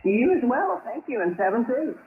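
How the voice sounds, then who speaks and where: A woman's voice: on the high side, sing-song, normal speed, roomy sound. A woman heard over a slightly mistuned ham radio, reading out call signs in the phonetic alphabet. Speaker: ham radio operator in a contact. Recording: noisy, tinny shortwave radio.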